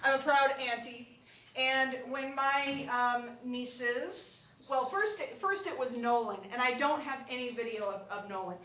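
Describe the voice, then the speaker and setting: A woman's voice: sits high, measured pace, fairly bright tone, distant mic. Chatty woman lecturing in an echoey classroom. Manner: chatty, laughs often, many restarts. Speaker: college instructor. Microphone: distant room mic.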